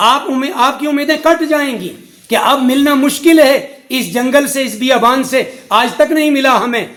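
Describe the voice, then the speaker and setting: Man, middle-aged, very high voice, sermon, rhythmic repeated phrases. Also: fairly bright tone. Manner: rhythmic, repetitive preaching lists. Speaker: mufti preaching.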